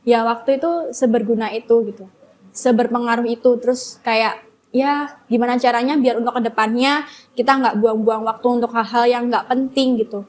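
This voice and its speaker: A young woman speaking as an interview guest in a relaxed, chatty way, with frequent fillers and a loose, easy flow. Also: a little high, moderate pace, a little hiss or hum. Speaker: guest, former flag-raising team member. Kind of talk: casual interview chat.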